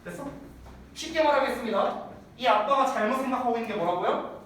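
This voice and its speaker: Animated male English teacher, echoey room. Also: extremely high pitch, fairly quick. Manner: chatty, animated, asks students rhetorical checks. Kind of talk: casual classroom lecture. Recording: echoey room from far off, faint noise.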